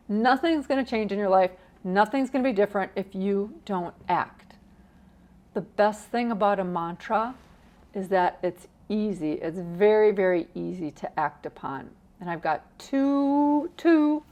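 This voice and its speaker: A chatty, encouraging woman in middle age talks to camera about money mindset in a casual motivational style. Her pitch sits in the middle for a woman, and she often bursts into lively, emphatic quoted phrases. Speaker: personal finance vlogger.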